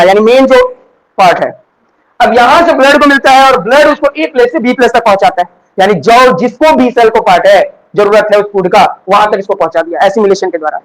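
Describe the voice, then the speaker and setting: Guy teacher with a really high voice, asks a question then answers it himself, keeps checking "got it?". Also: fairly bright tone, rough recording. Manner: keeps checking understanding with "ठीक है? है ना?"; repeats key words for emphasis. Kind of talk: classroom lecture.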